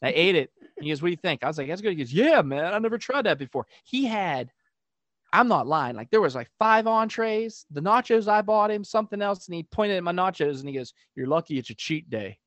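A man's voice: high voice, expressive, fairly quick, a bit bright, no room sound. A man on a podcast telling a long, rambling anecdote, acting out quoted voices. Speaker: podcast guest. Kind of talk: casual storytelling.

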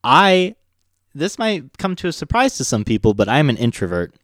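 A man chatting on a podcast in a loose, rambling way, leaning on fillers and restarts. He sounds a little winded. His voice sits mid-pitch and is picked up close on a dry mic. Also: very animated, normal speed, a bit bright, dry recording. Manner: rambling, hesitant, lots of fillers. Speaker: podcast co-host. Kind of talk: casual chat.

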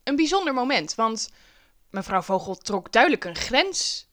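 A woman's voice: a little high, normal speed, slight background noise. Wry woman telling a school story. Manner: wry, lively, self-mocking. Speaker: storyteller, teacher. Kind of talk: personal storytelling.

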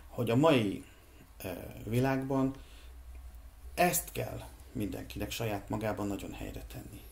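A man's voice: medium pitch, darkish tone. Reflective Hungarian-raised man musing aloud. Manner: reflective, measured, thinking aloud with hesitations. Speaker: podcast guest, singer. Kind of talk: casual discussion.

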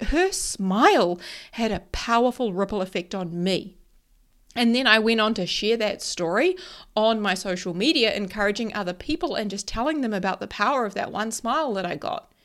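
A woman coach speaks in a broad New Zealand accent at an average pitch. She talks casually and emphatically, as in an informal motivational talk built on personal stories. Her language is loose and sweary, with frequent check-ins to the listener. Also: fairly bright tone. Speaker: mindset coach and presenter.

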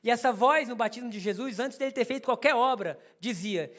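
A pastor with a Brazilian Portuguese accent preaches a sermon in a voice very high for a man, brisk and fairly bright. He shares a personal story with humor and addresses his listeners directly.

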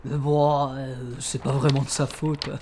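A man's voice: medium pitch, little pitch movement, a little slow, dark tone, a little hiss or hum, natural voice. A man playing a flustered, exasperated young insurance broker being questioned. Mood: confiding. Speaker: suspect under interrogation. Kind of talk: comedy sketch acting.

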